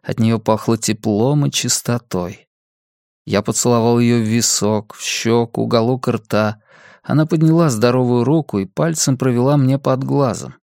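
A man reading a novel aloud in a calm, measured storytelling manner. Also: medium pitch, gravelly, no echo, studio quality. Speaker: audiobook narrator. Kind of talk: scripted narration.

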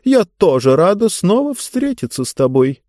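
A man voicing a talking book, a chatty and knowing female character, in an audiobook, in a lively, confiding storyteller tone. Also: high voice, normal speed, dry recording, clean studio sound, voice pushed up. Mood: sly.

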